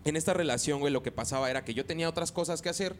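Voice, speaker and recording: A man from northern Mexico, host of a casual podcast chat, who talks loudly and peppers every phrase with crude slang. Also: a little high, very fast, faint music behind. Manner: crude slang-heavy, says güey constantly; talks loud by habit.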